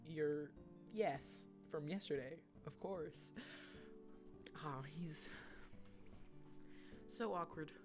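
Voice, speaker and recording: A woman's voice: low-pitched, music in the background. A woman streamer reading a dating-sim game's text aloud, breaking off to joke and tease the characters. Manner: animated and jokey, quick to tease the characters.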